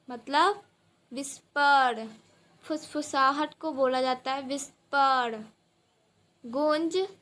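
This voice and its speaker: A woman with a high, bright voice leads a vocabulary lesson at a very slow pace. She says each word and its translation twice, deliberately and with clear pauses. She hurries a little only for her short explanations. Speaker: English teacher.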